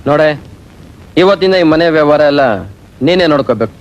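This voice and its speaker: An actor playing a loud, commanding eldest brother in a family film drama. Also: male voice, fairly high pitch, animated, fast, highs cut off, lightly acted. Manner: loud, commanding, comically broken English. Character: bossy, boisterous eldest brother of the house. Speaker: elder brother of the household, lead.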